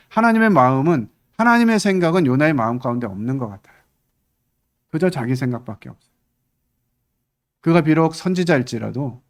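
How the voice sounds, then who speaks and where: Conversational male church preacher. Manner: conversational, acts out quoted lines with sudden lifts in pitch. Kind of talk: sermon.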